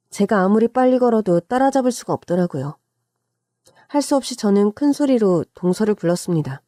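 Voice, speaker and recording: A woman's voice: medium pitch, dark tone, no echo, clean studio sound. A woman narrating a scripted story in the first person, in a chatty, confiding way.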